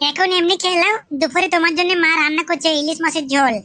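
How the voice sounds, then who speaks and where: A woman's voice: very high-pitched, fairly even intonation, quick pace, sharp tone. A woman voicing a young wife in a comic cartoon who pleads with her husband in a placating way. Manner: placating, whiny.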